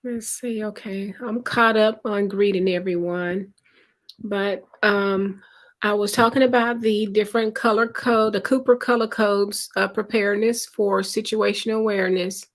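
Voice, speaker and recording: Unhurried woman hosting a live chat. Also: medium pitch, fairly even intonation. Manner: greets viewers by name, reads chat aloud; unhurried, conversational. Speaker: livestream host. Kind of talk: casual live-stream chat.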